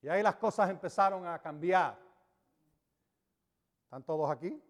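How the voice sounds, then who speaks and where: A man with a high voice preaches a sermon to a congregation at a moderate pace, emphatic, drawing out key words and checking that listeners are following. The long reverb of a large hall surrounds him.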